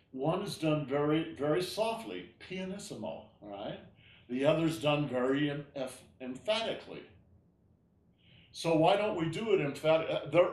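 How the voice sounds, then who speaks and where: A man teaching an online tai chi class, explaining gently and often checking in with "all right?". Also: on the high side. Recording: roomy echo.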